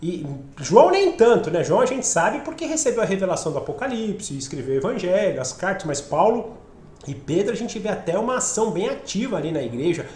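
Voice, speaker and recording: A man with a Brazilian Portuguese accent teaching a Bible study, talking with a cold that leaves his voice a bit rough, often checking in with his listeners. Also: high-pitched, big pitch swings, brisk, darkish tone, a little hiss or hum. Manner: conversational, asks listeners along, frequent "né?". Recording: roomy echo.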